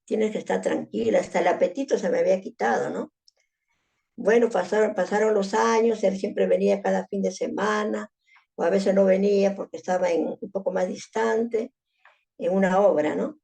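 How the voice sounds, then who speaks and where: Gravelly-voiced woman recounting a story. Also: mid-range voice, normal speed, dark tone. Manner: emotional recounting, frequent "¿no?" tag. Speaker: interviewee. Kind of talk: personal storytelling.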